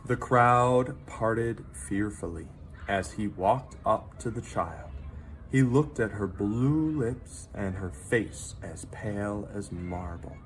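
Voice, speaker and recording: Over noticeable background noise, a teacher reads a children's picture book aloud, his pace slow and dramatic with very lively pitch and pauses for effect. The recording is rough.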